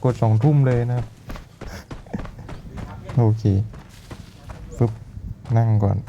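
A man's voice: mid-range voice, measured pace, mellow, highs cut off, a little hiss or hum. A man with a Thai accent giving casual, chatty commentary while playing a shooter game, laughing often and explaining as he goes. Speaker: gaming YouTuber.

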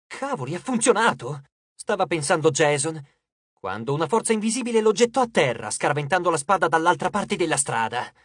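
High-voiced male audiobook narrator. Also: a bit bright, dry recording, studio quality.

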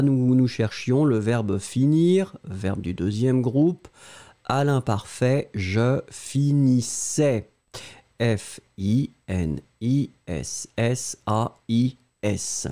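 Slow, mellow-voiced male teacher. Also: medium pitch. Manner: patient, spells words letter by letter, stresses key words; answers viewer questions by name. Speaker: French teacher. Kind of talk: live-streamed language lesson.

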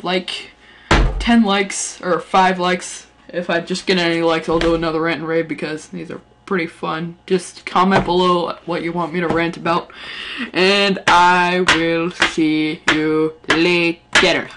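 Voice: medium pitch, little pitch movement, measured pace, background noise. A speaker ranting casually over game footage, rambling with lots of fillers and restarts and throwing in playful mock insults. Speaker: gaming channel host. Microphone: gaming headset mic or webcam mic.

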